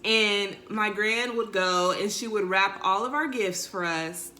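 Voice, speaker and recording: A woman's voice: mid-range voice, a little slow, bright, forceful tone, a little hiss or hum. A young woman from Texas, talking candidly and rambling to her viewers in a heartfelt personal rant. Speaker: vlogger. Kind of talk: emotional personal rant to camera.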